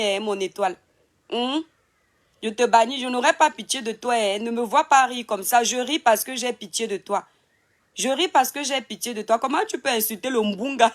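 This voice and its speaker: A woman from Cameroon with a Cameroonian French accent, hosting a casual live stream from home, talking straight to viewers and mocking a critic between laughs. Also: on the high side. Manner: teasing, scolding and laughing at a critic. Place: home in Europe.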